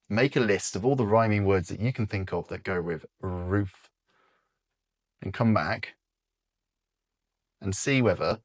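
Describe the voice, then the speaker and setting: A man guiding aphasia word-finding exercises as a speech therapist, speaking patiently and encouragingly with pauses. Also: low voice, no echo, studio quality.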